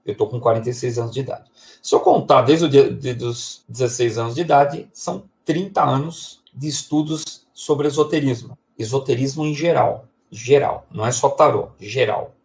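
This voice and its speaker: A man's voice: mid-range voice, normal speed. A man, giving a chatty, personal introductory lesson on tarot. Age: 40s. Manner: chatty, personal, digressive storytelling. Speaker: tarot and astrology teacher. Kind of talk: introductory lesson, live stream talk.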